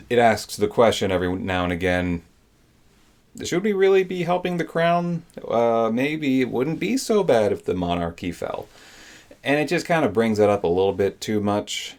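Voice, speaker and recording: Man, deep voice, chatty book reviewer, eager and meandering, heavy on fillers. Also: a little mellow. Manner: enthusiastic, rambling, with many fillers. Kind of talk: casual spoken book review.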